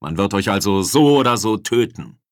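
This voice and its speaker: A man voicing a desperate male rebel commander who shouts urgent commands to rally his troops in an audiobook. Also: lowish voice, animated, normal speed, dry recording, clean studio sound, close to an everyday voice. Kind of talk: audiobook character voice.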